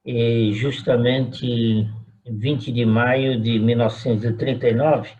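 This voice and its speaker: Slow-spoken elderly São Paulo man. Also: medium pitch, level tone, a little mellow, lo-fi sound. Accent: Paulistano Brazilian Portuguese. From São Paulo, Brazil. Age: 80s. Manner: slow, deliberate recollection. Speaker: retired pastor. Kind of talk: oral history interview.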